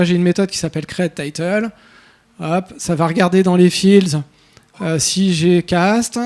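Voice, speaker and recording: High-pitched man giving a casual tech talk. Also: a little mellow. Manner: casual, full of fillers and restarts. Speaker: conference speaker. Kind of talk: live coding talk. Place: conference room.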